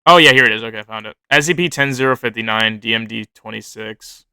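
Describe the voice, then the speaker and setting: A man with a low, fry-edged voice reads his writing aloud in casual chat. He rambles, stops to fix himself and swears without care. The sound is bright and dry, with no room around it. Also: fast, no room sound. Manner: rambling, self-correcting, swears freely. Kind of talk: casual chat, reading his own fiction notes aloud.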